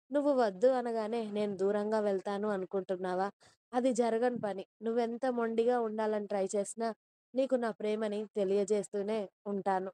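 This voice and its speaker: A woman's voice: mid-range voice, dark tone, clear, resonant tone, dry recording, close to an everyday voice. A woman voicing a stubborn, lovesick young woman who pleads tearfully in an audio story.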